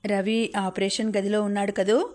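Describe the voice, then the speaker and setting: Woman reading as a kindly older gentleman. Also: medium pitch, level tone, normal speed, natural voice. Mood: gentle concerned.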